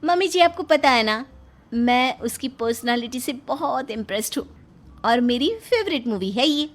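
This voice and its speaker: Woman as a high, cheeky young daughter-in-law. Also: expressive, normal speed. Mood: cheeky, pleading. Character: bold, playful young daughter-in-law mimicking a film action hero. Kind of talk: cartoon moral story acting.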